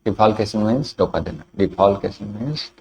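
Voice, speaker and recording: A man's voice: lowish voice, animated, a little fast, gravelly, a little mellow. A man with a Hindi accent teaching English vocabulary in a classroom lecture, repeating each word and answering his own questions.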